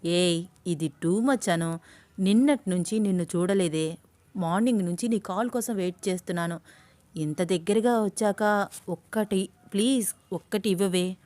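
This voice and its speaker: A woman voicing a bold, teasing young man in love, in an audio story, in her own even voice. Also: medium pitch, normal speed, no room sound, lightly acted. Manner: coaxing, teasing.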